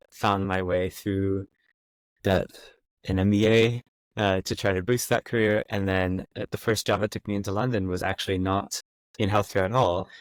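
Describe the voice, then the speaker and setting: This low-pitched American guest, a man in his thirties, responds to interview questions in a conversational, thoughtful way, full of fillers and restarts. The recording is dry.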